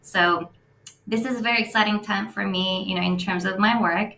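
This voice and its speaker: A woman in her forties from South Korea with a Korean accent, talking earnestly as a guest in a conference fireside chat and pausing on fillers. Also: medium pitch, steady tone, gravelly, sharp tone, reverberant. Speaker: CEO guest.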